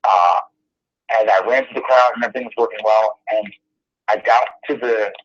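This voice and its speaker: A man's voice: fairly low pitch, steady tone, normal speed. Man talking over a muffled phone line. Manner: rambling, self-deprecating storyteller. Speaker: interview guest. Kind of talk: casual phone interview.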